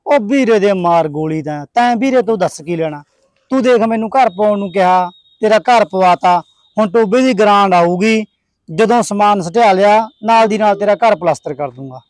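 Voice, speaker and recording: Man acting sleazy Punjabi headman, high voice, coaxing and boastful, dry sound. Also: normal speed, no room sound, close to an everyday voice. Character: sleazy village headman, smooth-talking philanderer.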